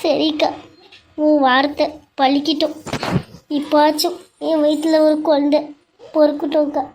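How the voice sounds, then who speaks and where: A woman's voice: high-pitched, level tone, measured pace, a little mellow, a little hiss or hum. A woman voicing a hurt young wife who speaks while crying, in a family serial drama. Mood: tearful. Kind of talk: Tamil family serial voice acting.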